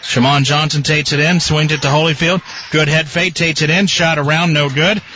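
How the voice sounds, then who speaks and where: A man's voice: fairly high pitch, steady tone, normal speed. A man doing live play-by-play basketball commentary as a radio announcer. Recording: dull radio feed, loud gym noise. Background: gym ambience, bouncing basketball.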